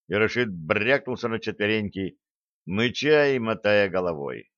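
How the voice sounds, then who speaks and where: A man's voice: on the low side, fairly bright tone, no echo. A man narrating a first-person adventure audiobook in a dramatic, vivid storytelling manner. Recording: dull lo-fi dry audio.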